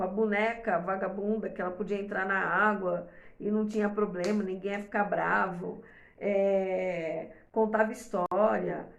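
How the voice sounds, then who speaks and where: A middle-aged woman and mother giving parenting advice in a casual, rambling talk to camera, full of fillers and tag questions, often pushing her voice up high for emphasis. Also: roomy sound.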